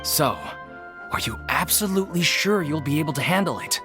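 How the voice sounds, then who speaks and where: An earnest, worried troupe leader, voiced by a man talks with a lively, rising and falling voice at middle pitch. Faint game music sits behind him. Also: a little fast, natural voice. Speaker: troupe manager. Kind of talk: video game voice acting.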